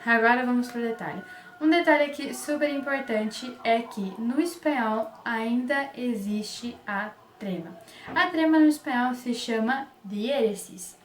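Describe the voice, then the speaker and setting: Brazilian woman teaching, slow and echoey. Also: on the high side, a little hiss or hum. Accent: Brazilian Portuguese. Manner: patient, repeats example words slowly. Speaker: Spanish teacher. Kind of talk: online language lesson. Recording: echoey room, distant mic.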